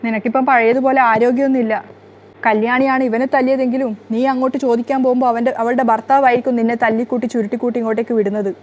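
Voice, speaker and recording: Woman reading an anxious old grandmother, cautioning, quick and fairly high. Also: level tone, a little mellow, natural voice. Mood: worried. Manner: pleading, cautioning. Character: worried protective grandmother.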